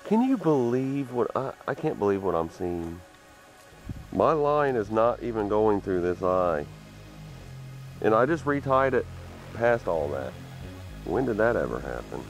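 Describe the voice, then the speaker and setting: A man with a Southern US accent, talking excitedly to viewers while fishing from a creek bank, recorded on a head-mounted camera. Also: fairly low pitch, a little slow, long pauses, faint music behind. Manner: excitable, exclaiming over catches, talking to viewers. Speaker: fishing vlogger. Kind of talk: casual outdoor commentary while fishing.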